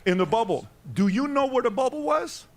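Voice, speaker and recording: A man's voice: very high voice, big pitch swings, fairly quick. A middle-aged man telling a story in casual chat, blunt and emphatic, arguing his points hard. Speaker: guest storyteller.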